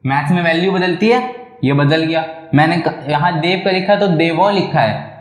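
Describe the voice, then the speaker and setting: A man's voice: fairly high pitch, normal speed. Patient man teaching in an echoey room. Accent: Lucknow Hindi. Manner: patient, asks pupils questions and answers them. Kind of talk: explaining a school lesson.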